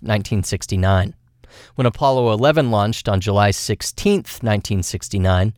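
A man's voice: fairly low pitch, dry recording, clean studio sound. A man narrating a scripted radio news feature as a reporter.

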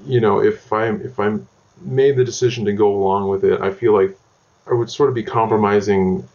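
A National Guard member speaking in a radio news interview, his voice altered and pitched down to hide who he is, talking hesitantly with many fillers and restarts. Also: steady tone, normal speed, darkish tone. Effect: voice altered to disguise identity, pitched down. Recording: dull lo-fi altered audio.

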